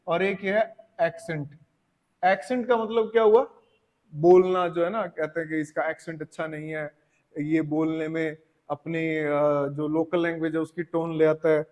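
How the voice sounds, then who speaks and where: A man with an Indian accent teaching English vocabulary, explaining in Hindi, reading English examples slowly and asking his students rhetorical questions. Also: sits high. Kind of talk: classroom lesson. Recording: long reverb, echoey classroom.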